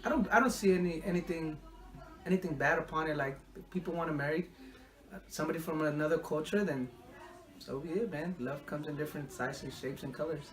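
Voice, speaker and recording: Young man giving halting interview answers. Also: on the high side. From Mexico. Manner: halting, repeats words while thinking.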